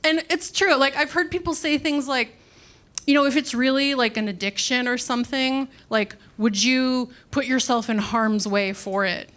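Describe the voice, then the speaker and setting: High-voiced wry woman comic on stage. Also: fairly even intonation, fairly bright tone. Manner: wry, self-deprecating, acts out quick dialogue. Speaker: stand-up comedian. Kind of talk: stand-up comedy set. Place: comedy club stage.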